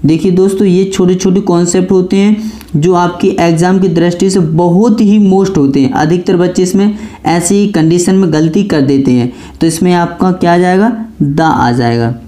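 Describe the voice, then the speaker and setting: Mellow-voiced male teacher quizzing himself. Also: high-pitched, fairly even intonation, moderate pace. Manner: asks himself questions, then answers them; repeats key points over and over. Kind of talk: exam-prep grammar lesson.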